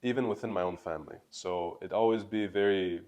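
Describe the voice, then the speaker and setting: A young man with a low, deep voice speaks to camera about his own life. He is earnest and candid and leans hard on key words. It sounds like a personal vlog. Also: brisk, darkish tone. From Bulgaria. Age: 20s. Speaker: YouTube channel host.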